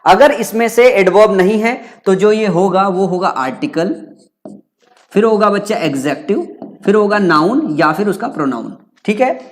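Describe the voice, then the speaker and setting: A man's voice: high-pitched, lively intonation, normal speed. A man teaching an exam-prep grammar lesson to students. He drills each point with rhetorical questions and answers them himself, going over the same idea again and again. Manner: calls students "bachcha".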